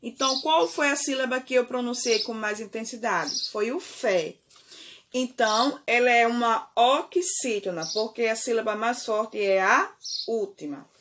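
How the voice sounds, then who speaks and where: Brazilian woman primary teacher, unhurried, drawn-out words, keeps checking the kids follow. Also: a little high, fairly bright tone, a little hiss or hum. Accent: Brazilian Portuguese. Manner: slow, deliberate, stretches key words, frequent "certo?" and "ok?". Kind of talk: remote classroom lesson.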